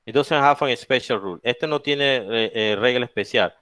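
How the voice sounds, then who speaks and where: A man's voice: medium pitch, a bit bright, dry recording. A man teaching English grammar to a class, explaining each rule in English and then in Spanish, often checking understanding with "okay?". He has a Latin American Spanish accent. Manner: slow, drawn-out spelling of letters and example words. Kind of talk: bilingual classroom lesson.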